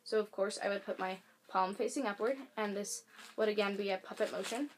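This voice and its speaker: A woman's voice: medium pitch, fairly even intonation, fairly quick. Young woman vlogger, mid-range voice, loose filler-heavy demo talk, home camera audio with faint hiss. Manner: rambling, filler-heavy, self-correcting. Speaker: beauty and advice vlogger. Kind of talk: casual product demonstration. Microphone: camera mic. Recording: faint hiss from air conditioner.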